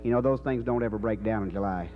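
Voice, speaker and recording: Middle-aged male cowboy poet, warm folksy drawl for live recitation, faint hum on the recording. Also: fairly low pitch, fast. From Kansas. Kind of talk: live cowboy poetry recitation with spoken introduction. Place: dark indoor stage. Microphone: stage microphone on a stand.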